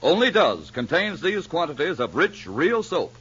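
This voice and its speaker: Higher-pitched, husky male ad announcer. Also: big pitch swings, moderate pace, a bit bright. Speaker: commercial announcer. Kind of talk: 1950s radio sales pitch. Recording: muffled old radio recording.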